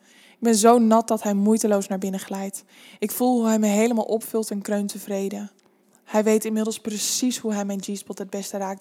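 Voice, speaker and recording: A woman reads a story aloud at a middle pitch. Her voice stays soft and intimate, drops close to a breath on quiet lines, and never pushes to full volume. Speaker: erotic story reader. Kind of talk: reading an erotic story aloud.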